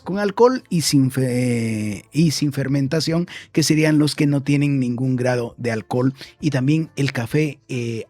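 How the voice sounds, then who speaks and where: A man's voice: medium pitch, no room sound. A man hosting a radio program in a casual, chatty way, wandering with fillers and correcting himself as he goes. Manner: chatty and meandering, many fillers and self-corrections. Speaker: radio host. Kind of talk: casual radio talk about travel.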